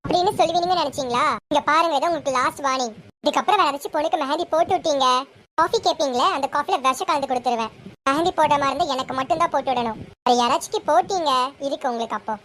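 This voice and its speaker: A woman's voice: high voice, racing, a bit bright, slight background noise. A woman playing a jealous, teasing fiancée who makes playful threats, in amateur serial acting. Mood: mock threatening.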